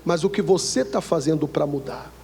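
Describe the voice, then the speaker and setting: A male Brazilian pastor preaching a sermon, often pausing to let the congregation finish his sentences, reading scripture slowly and with emphasis. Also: fairly high pitch, vocal fry, darkish tone, slightly rough. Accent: Brazilian Portuguese. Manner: call-and-response questions to the congregation. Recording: echoey hall with long reverb.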